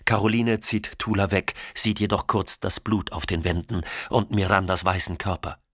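A man narrating an audiobook in an expressive way, switching voices for the characters. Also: deep voice, normal speed, husky, dry recording, studio quality.

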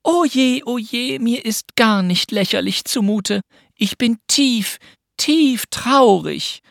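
A reader voicing a cheeky, inventive little girl who talks in a high, playful, theatrical way. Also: sing-song, moderate pace, a bit bright, dry recording, clean studio sound. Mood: mock-sorrowful.

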